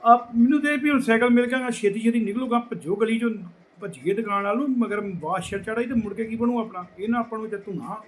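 A middle-aged man with a Majhi Punjabi accent telling a village anecdote casually, acting out the people in it and dropping to hushed tones. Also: high voice, fast, poor audio. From Punjab border region. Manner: lively, acts out quoted people, drops to hushed tones. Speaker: storyteller.

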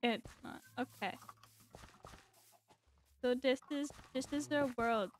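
A woman's voice: high voice, takes it slowly. Chatty woman with lisp-like S sounds. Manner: relaxed, chatty, with frequent ums. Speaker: channel host giving a game tour. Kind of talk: casual gaming chat.

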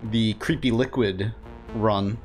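A man's voice: fairly low pitch, fairly even intonation, takes it slowly, faint music behind. A man doing casual live gameplay commentary, rambling informally and reacting aloud as he streams. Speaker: game streamer. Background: game ambience.

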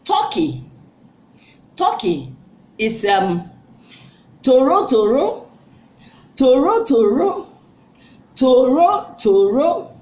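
A woman teaching a vocabulary lesson, saying each word slowly and repeating it. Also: high-pitched, sing-song, darkish tone, reverberant, low-quality recording. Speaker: language teacher. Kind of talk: slow vocabulary lesson with repetition.

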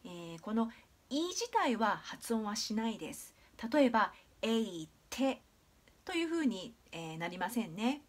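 A Japanese woman with a sing-song, medium-pitched voice teaches English pronunciation on video. She demonstrates each sound slowly and clearly, patiently filling pauses with long fillers.

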